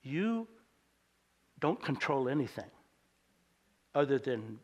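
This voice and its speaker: A middle-aged man preaching a sermon as a pastor, conversational and halting, with many fillers and restarts. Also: a little high, animated, fairly bright tone. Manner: acts out quoted voices in anecdotes.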